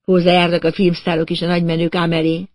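A man voicing a quiet, resigned actress. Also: on the high side, completely flat delivery, no room sound, pitched above the performer's own voice, lightly acted. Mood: subdued. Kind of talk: audiobook reading.

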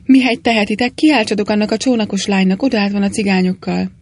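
A woman voicing a mild, clumsy old priest in a storybook reading, meek and fussy, with a husky tone. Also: mid-range voice, darkish tone.

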